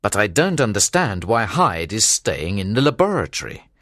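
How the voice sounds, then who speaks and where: A man's voice: very animated, fairly bright tone, no echo, studio quality. A man voicing a serious, formal male lawyer in an audiobook reading. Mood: grave. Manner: measured, formal, with sweeping pitch. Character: serious middle-aged male lawyer, measured and grave. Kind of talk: audiobook character voice.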